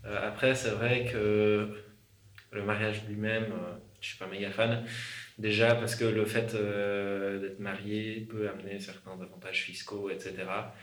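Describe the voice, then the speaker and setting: A man's voice: lowish voice, flat delivery, measured pace. An eighteen-year-old man, a youth group leader, speaking hesitantly with many fillers. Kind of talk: casual roundtable discussion. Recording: roomy sound, faint noise.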